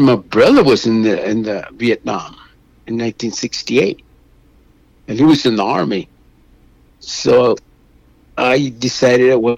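Older man, halting, dry-sounding voice. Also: medium pitch, darkish tone, dry recording, low-quality recording. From Mexico. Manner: halting, with many restarts and fillers. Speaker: guest. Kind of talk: phone interview.

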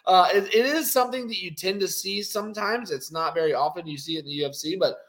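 A man co-hosting a casual post-fight show, talking in an animated, rambling way with many fillers. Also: sits high, fast talker. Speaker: co-host.

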